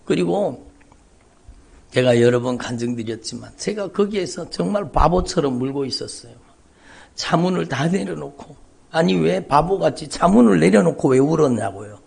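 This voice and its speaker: Male Korean pastor, high husky voice, dramatic sermon storytelling that drops to whispers. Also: animated, moderate pace. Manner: dramatic storytelling with swings between loud cries and hushed whispers. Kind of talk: emotional sermon testimony. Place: large church sanctuary.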